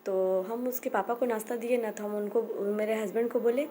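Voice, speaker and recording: Higher-voiced woman. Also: steady tone, mellow, slight background noise. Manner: halting, circles back, repeats herself. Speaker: mother telling her family's story. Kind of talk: personal storytelling.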